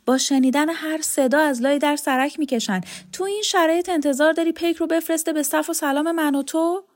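A woman reading the part of a frail old man in an audiobook, with a raised, lively voice. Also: sits high, no room sound, pitched above the performer's own voice, close to an everyday voice. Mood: uneasy.

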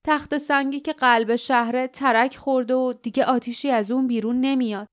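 A woman's voice: fairly even intonation, natural voice. A woman voicing a sturdy village woman dressed in blue, earnest and regretful, in an audiobook. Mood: grieving. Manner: earnest, low murmur of regret.

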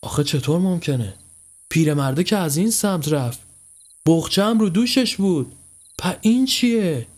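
A man's voice: fairly high pitch, voice pushed up. A man voicing a jumpy young clerk. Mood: bewildered. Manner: urgent, raised and excited.

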